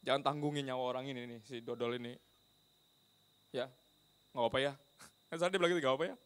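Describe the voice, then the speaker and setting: A man's voice: mid-range voice, fast talker, clear, resonant tone. A man preaching a sermon as pastor, talking in a conversational way, slipping English phrases in and asking the audience questions.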